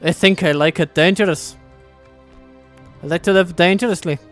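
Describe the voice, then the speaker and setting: A casual, self-mocking man hosts his strategy game session, musing aloud about each move. His voice sits a little high for a man, over faint background music. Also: steady tone, moderate pace, fairly bright tone. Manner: chatty, self-deprecating, thinks aloud. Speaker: host and strategy game player. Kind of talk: casual gameplay commentary.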